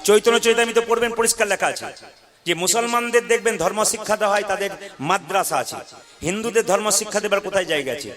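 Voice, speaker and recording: A man preaching and leading a devotional crowd in call-and-response chanting, coaxing them to chant louder. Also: high-pitched, quick pace. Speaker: kirtan singer and preacher. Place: live devotional gathering with audience. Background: devotional music playing.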